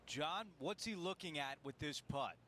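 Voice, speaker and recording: Golf commentator, video game broadcast, slightly high male voice, measured, observant, faint background noise. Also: animated, bright, forceful tone. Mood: measured commentary.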